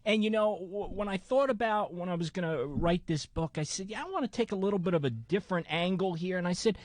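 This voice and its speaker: A man's voice: sits high, fast, dry recording. A man with a New Jersey accent, a guest on a radio interview, explaining in an earnest, easygoing way. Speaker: accountant guest.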